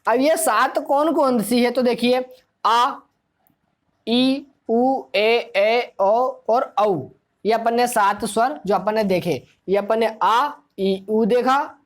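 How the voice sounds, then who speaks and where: A woman teacher gives an exam-prep grammar lesson in a fairly high voice. She drills the material by asking a question, answering it herself and going over each point again. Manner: asks the class questions and answers them, repeats key points; explanatory, drilling tone.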